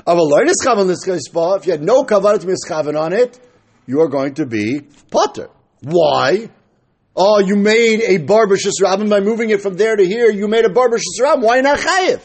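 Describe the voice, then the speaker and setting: A man teaches a Talmud lesson, reading phrases and explaining them in an argumentative style, posing questions and answering them himself. His voice is high-pitched, a little mellow and husky, with lively intonation at a normal speed.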